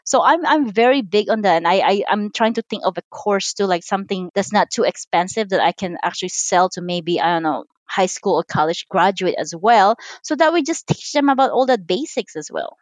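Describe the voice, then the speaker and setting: A woman from the Philippines, a financial coach talking in a casual interview, animated, with many filler words and restarts. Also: mid-range voice, fairly quick, few pauses, no room sound.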